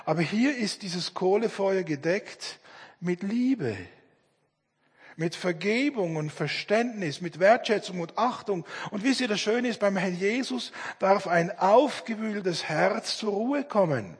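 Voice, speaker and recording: A middle-aged man preaches a sermon in a church hall. His voice sits high and a little husky, with long reverb trailing after each phrase. He speaks earnestly, with dramatic pauses. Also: expressive. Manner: earnest, dramatic pauses, acts out quoted dialogue.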